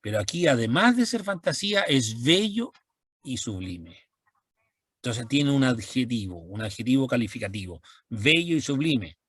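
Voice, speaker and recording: A male teacher explains poetry slowly, repeating words and pausing with fillers. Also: medium pitch, big pitch swings, fairly bright tone, husky, no echo, clean studio sound. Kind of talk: recorded language lesson.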